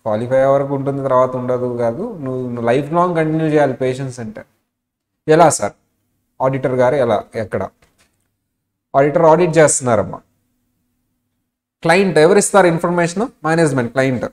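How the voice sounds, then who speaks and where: A man's voice: medium pitch, brisk, long pauses. A man with a Telugu accent teaching an auditing class, asking students questions and acting out short examples. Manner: mixes English into his talk, asks the class questions. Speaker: auditing lecturer. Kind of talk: classroom lecture with acted examples.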